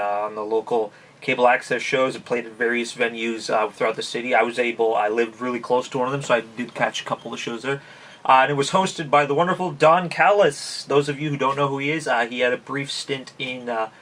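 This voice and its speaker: A Canadian man hosts a casual YouTube review vlog, chatting, laughing often, and using lots of fillers. His voice is medium-pitched with a fairly bright tone. He sounds somewhat distant from the mic.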